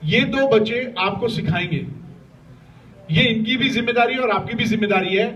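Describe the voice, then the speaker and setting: A school workshop facilitator leads an interactive lesson for students, often checking in with the class and praising them. His high-pitched voice is fairly bright at a moderate pace, recorded on a distant, dull mic with faint room noise.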